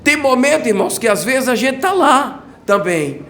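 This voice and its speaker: A man with a Brazilian accent, preaching a fervent church sermon with many hallelujahs and bursts of shouting. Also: extremely high pitch, very animated, moderate pace. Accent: Brazilian Portuguese. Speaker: pastor.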